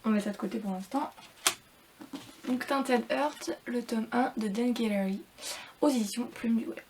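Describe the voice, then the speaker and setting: A woman's voice: a little high, brisk, mellow, a little hiss or hum. A young woman, reviewing a book in a casual, rambling vlog full of repeats and fillers.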